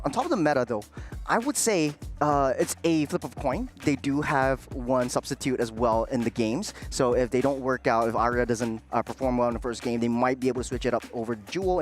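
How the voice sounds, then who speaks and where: A man from Singapore, giving esports desk analysis in an analytical way, with many filler sounds. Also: medium pitch.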